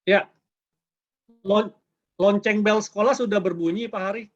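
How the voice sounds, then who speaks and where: A man in a casual webinar chat, heard through a dull, lo-fi video call that keeps buffering and stuttering. He sits a touch higher than most men and checks his mic with quick hellos. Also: fairly even intonation, faint music behind. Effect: choppy buffering stutter from a freezing call connection. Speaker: webinar participant.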